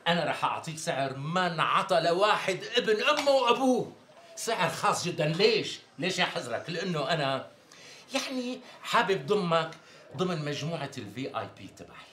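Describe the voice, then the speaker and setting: An actor with a Syrian accent playing a flattering tailor who talks around the price in flowery sales patter. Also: male voice, a little high, brisk, a little hiss or hum. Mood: coaxing. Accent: Syrian Arabic. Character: smooth-talking flattering tailor who dodges naming a price. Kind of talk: TV sketch comedy acting.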